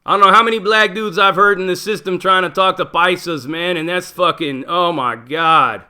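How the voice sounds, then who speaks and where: A man's voice: sits high, normal speed, sharp tone, smooth. A middle-aged man, a former prisoner, talking bluntly in a casual monologue full of profanity and street slang. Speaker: channel host, former prisoner.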